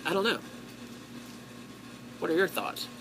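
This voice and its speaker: An American man talking casually to his viewers as a hobby vlogger, in a halting way, thinking aloud with drawn-out pauses. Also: fairly high pitch, sing-song, creaky, background noise. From United States. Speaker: pipe-hobby vlogger and host. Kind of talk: casual solo talk to viewers.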